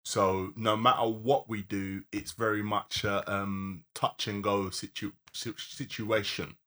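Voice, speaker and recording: A man's voice: lowish voice, level tone, unhurried, a bit bright. A man with a London accent chatting casually as a podcast co-host, slangy and rambling, often searching for words. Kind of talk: casual chat.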